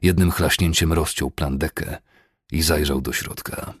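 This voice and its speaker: A man narrating a fantasy audiobook in a steady, measured way. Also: a bass voice, slightly rough, no room sound, clean studio sound.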